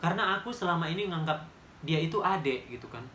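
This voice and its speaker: With a fast, pushed and bright delivery and lively intonation, a slightly high-voiced man in his twenties tells a chatty storytime to camera. He's a vlogger with a Medan Indonesian accent, and the recording has roomy echo plus a little hiss or hum.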